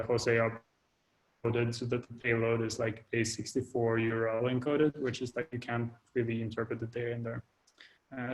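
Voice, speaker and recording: A man's voice: mid-range voice, poor audio. A man giving a casual technical update on a video call, hesitant and full of fillers and restarts. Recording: call audio breaking up.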